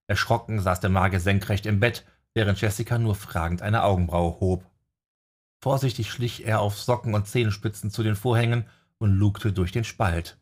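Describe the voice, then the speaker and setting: Brief: male audiobook narrator, low, breathy tone, calm. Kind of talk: scripted narration.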